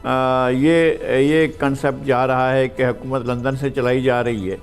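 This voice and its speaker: An older man from Pakistan, speaking as a political commentator on a TV panel in a measured way, pausing often with drawn-out fillers. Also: mid-range voice, fairly even intonation, clear, resonant tone, soft background music. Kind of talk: TV panel discussion.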